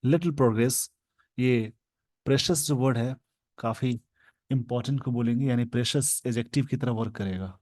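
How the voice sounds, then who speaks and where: A man's voice: medium pitch, darkish tone, no room sound. Indian man teaching English, dry sound. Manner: explains word by word, slows to read English phrases. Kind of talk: Hindi-language English lesson reading an editorial.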